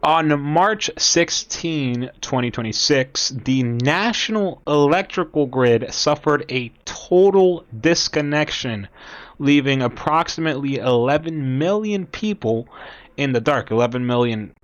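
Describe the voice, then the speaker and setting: A young man born in Cuba talks casually to his viewers, rambling and halting, and sometimes reads aloud from an article. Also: a little high, muffled recording. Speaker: commentator. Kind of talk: casual talk to camera.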